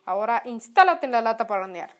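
A woman's voice: a little high, very animated, fast talker, muffled recording. A woman voicing a hungry, greedy male fox in a storybook reading, smug and gloating.

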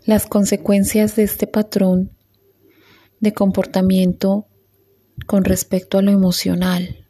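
A woman leading a guided meditation in a soft, calm voice with long pauses. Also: mid-range voice, slightly rough.

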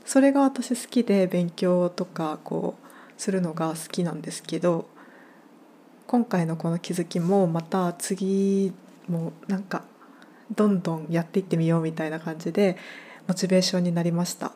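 A woman's voice: on the low side, normal speed, mellow, slight background noise. A woman hosting her own podcast, explaining things in a casual, chatty way with lots of fillers and restarts. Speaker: podcast host. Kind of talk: casual solo podcast talk.

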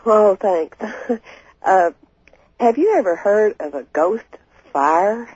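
A woman caller chats casually with a radio show. She sounds husky, and the phone connection is dull with no room sound around her. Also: mid-range voice, animated, slow, a little mellow, no room sound. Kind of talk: casual chat.

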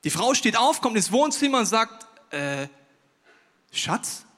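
A high-voiced man doing a stand-up comedy monologue on a stage in a large hall. He talks straight to the audience with rhetorical questions and swings between loud outbursts and quiet asides. A long hall reverb trails after his words. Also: animated, brisk. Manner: chatty, addresses the audience directly with rhetorical questions.

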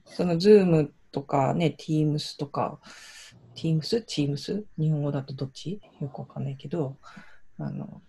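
A woman in a casual podcast chat, speaking thoughtfully and softly, with frequent backchannels. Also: deep voice, slow, gravelly, slightly rough. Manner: thoughtful, soft-spoken, many backchannels.

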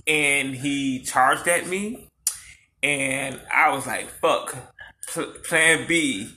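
A man's voice: medium pitch, drawn-out words. A man in his thirties co-hosting a casual podcast, telling stories with lots of laughter and swearing. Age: 30s. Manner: animated storytelling, laughs often, swears freely. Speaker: podcast co-host. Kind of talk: casual couple chat.

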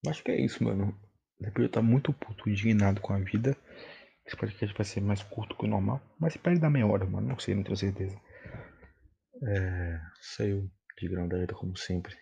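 A young Brazilian man with a low, gravelly, rough-edged voice hosts a casual solo podcast. He rambles in thick street slang and throws in swear words. The sound is a dull, lo-fi home recording. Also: dark tone. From Bahia, Brazil. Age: young adult. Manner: heavy informal street slang, some swearing. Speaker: podcast host.

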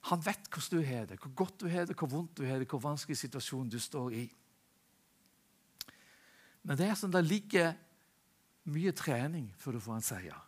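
A man's voice: a little high, lively intonation, pauses often, breathy edge. A man preaching a sermon earnestly, asking rhetorical questions and often restarting his sentences.

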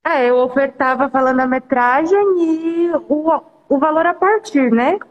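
A woman with a very high voice explains haltingly how she pitches to clients. She sounds distant in a long reverb. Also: muffled recording. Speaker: real estate broker. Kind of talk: casual chat.

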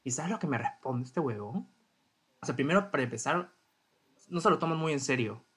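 A young man, a podcast co-host telling stories in animated casual chat and swearing freely. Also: mid-range voice, brisk, breathy edge.

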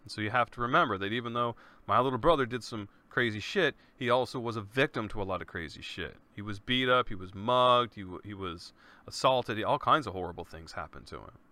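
Bright-voiced laid-back podcast guy. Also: fairly low pitch, a little fast. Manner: laid-back, earnest, peppers speech with "man" and swearing. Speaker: podcast host. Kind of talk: casual solo podcast monologue.

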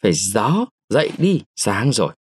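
A man voicing a quick-tempered peasant wife who scolds and shrieks at her household, in a dry, close storybook reading. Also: on the low side, sing-song, slightly rough, no echo. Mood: coaxing shy.

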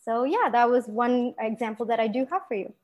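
A young Singaporean woman, a guest entrepreneur in a conversational interview, speaks in a lively way, often laughing and restarting. Her voice is a little high and her pace fairly quick.

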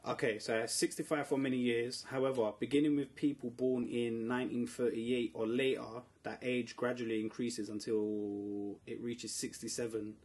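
A young man in his late twenties chats on a podcast in a London roadman accent. His voice sits at a middling pitch, and he talks in relaxed, slangy street style. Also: normal speed, few pauses. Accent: London, urban roadman slang. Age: late 20s. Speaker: podcast co-host. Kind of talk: casual chat.

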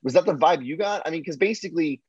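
A man's voice: fairly high pitch, fast talker, a little mellow, husky, no room sound, highs cut off. A man co-hosting a casual film discussion podcast, rambling with many fillers and restarts. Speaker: podcast co-host.

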